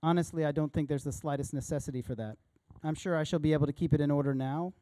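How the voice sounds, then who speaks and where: A man's voice: a little high, steady tone, fast, no room sound, clean studio sound, close to an everyday voice. A man reading as a timid, fussy ghost. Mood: pleading. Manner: apologetic, hesitant, soft-spoken. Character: timid, fussy male ghost making excuses. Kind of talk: reading a story aloud in a sermon.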